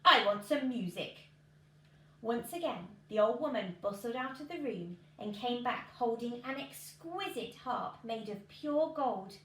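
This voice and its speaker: In a living room at home, a woman reads a children's story expressively, her fairly high voice unhurried and with few pauses. A camera a few feet away captures her in an echoey room with background noise.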